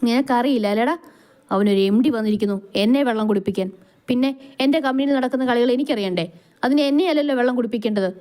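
A loyal young man vents quickly about trouble at his company. His lines come briskly in a mellow tone, a woman reading him in a storybook style. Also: a little high, lightly acted.

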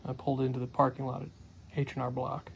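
A middle-aged homestead vlogger rambles through a casual daily recap, full of fillers, filmed on a phone held close to his face in a small, cluttered room. His medium-pitched voice is monotone and fast, with vocal fry and a little hiss or hum in the audio.

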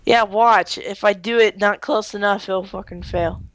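A man's voice: high voice, fairly even intonation, moderate pace, background noise. A teenage boy playing a game over a voice call who swears and yelps when he loses. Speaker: gamer friend. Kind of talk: casual chat over voice call.

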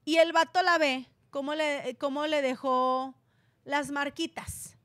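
A Mexican woman co-hosting a celebrity gossip chat, retelling a story in animated casual talk and acting out the quotes. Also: high-pitched, slow, dry recording, studio quality. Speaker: gossip show co-host.

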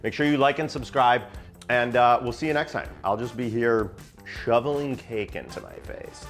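A man's voice: mid-range voice, animated, normal speed, soft background music. A man hosting a casual baking tutorial, talking in a chatty, playful way with lots of "like" fillers. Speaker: baking channel host.

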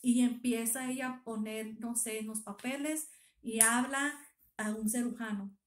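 A woman in a casual, emotional vlog, retelling what others said to her line by line. Her voice sits a little high. The room around her gives the sound a noticeable echo. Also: fairly even intonation, unhurried, a little hiss or hum. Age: 30s. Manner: emotional retelling, quoting others with constant "me dijo". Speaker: vlogger.

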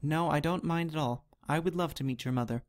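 A kind little glowing butterfly from another world speaks politely and cheerfully, as a man puts him on. The voice sits a bit high, and the tone stays gentle in this animated storybook. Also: a little fast, natural voice.

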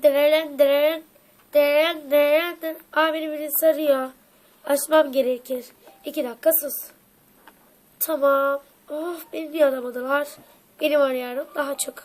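A woman voicing all the figures in a playful toy play story, with bickering back-and-forth lines. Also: high-pitched. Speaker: toy video creator.

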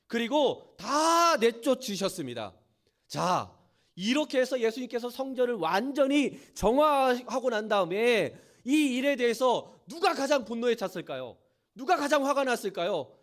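A male pastor preaching a sermon, asking his congregation rhetorical questions and retelling scripture in lively plain speech. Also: very high voice.

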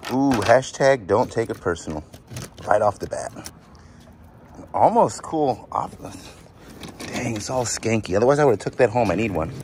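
Here the storage auction vlogger, a man in his forties, is animated but leaves long pauses, talking at normal speed in a darkish mid-range voice. He keeps up slangy, casual commentary while going through his finds at an outdoor storage lot, partly inside a vehicle, and vehicle noise fills the recording.

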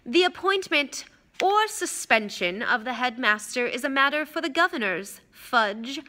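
A woman plays a sneering aristocratic villain from a storybook. He is bright and pointed in tone, with a lazy, condescending drawl and smooth false politeness. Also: fairly high pitch, unhurried, pitched above the performer's own voice. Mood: smooth, smug.

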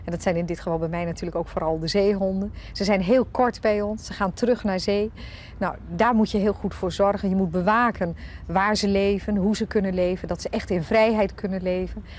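A woman's voice: mid-range voice, steady tone, brisk, darkish tone, slight background noise. A woman caring for seals, giving an earnest, thoughtful interview answer.

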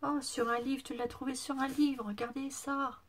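A woman's voice: sits high, flat delivery, moderate pace, slight background noise. A woman showing off gifts she received in a casual vlog, gushing and exclaiming, sometimes dropping to a whisper, with a voice that is giving out. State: losing her voice. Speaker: craft vlogger. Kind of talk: casual unboxing chat to camera.

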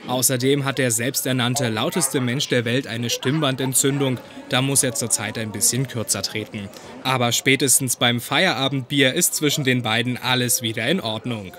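A man's voice: mid-range voice, steady tone, moderate pace. Male reporter narrating over market bustle. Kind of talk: scripted narration of a light TV feature. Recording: busy market crowd behind voice-over.

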